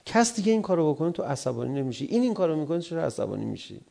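A middle-aged man, a cleric, preaching a sermon on family and anger, animated, jumping high for emphasis and then sinking low. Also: vocal fry. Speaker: cleric giving a religious talk.

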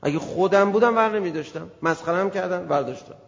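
A preacher delivers an animated, conversational sermon to a gathering in a hall, acting out little scenes as he goes. His voice is high and gravelly, and the recording is echoey, dull, and lo-fi.

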